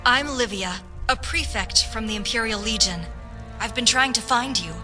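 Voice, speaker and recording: A woman with a fairly high, sharp voice plays an earnest, patriotic young noble lady officer in scripted dialogue for a fantasy game quest mod. She speaks formally and persuasively over background music.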